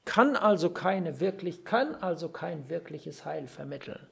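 A preacher delivers an earnest sermon with a gravelly, husky voice. Key phrases are stressed by repetition, with pauses to search for words. The pitch sits in a middle range. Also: animated, a bit bright. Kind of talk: sermon on a Bible passage.

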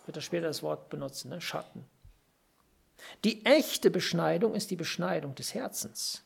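Gravelly, husky-voiced preacher. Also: mid-range voice, expressive. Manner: earnest, emphatic repetition of key phrases; pauses to search for words with fillers. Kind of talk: sermon on a Bible passage.

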